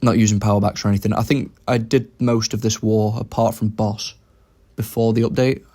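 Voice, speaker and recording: Young male gamer with a low voice, talking through his plays casually. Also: level tone, a little fast, a little mellow. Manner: thinks aloud about his moves. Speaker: game commentator. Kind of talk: casual gameplay commentary.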